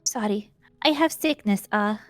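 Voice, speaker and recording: A woman voicing a small, sick female yeti wife with a put-on Russian accent, talking in halting broken English. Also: mid-range voice, dry recording, faint music behind, lightly acted. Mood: feverish, pleading.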